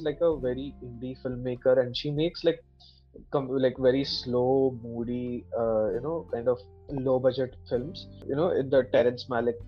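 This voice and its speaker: A man with an Indian accent chatting casually as a podcast co-host, explaining films in a halting way full of fillers. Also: mid-range voice, husky, muffled recording. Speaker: podcast co-host and film reviewer. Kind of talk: casual chat.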